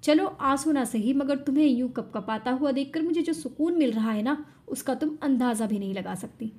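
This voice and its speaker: A woman's voice: high-pitched, moderate pace, darkish tone, natural voice. A woman voicing a cruel, taunting young husband in a storybook reading, sneering under a sweet, mock-tender tone. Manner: sneering, mock-tender, then snapping angrily.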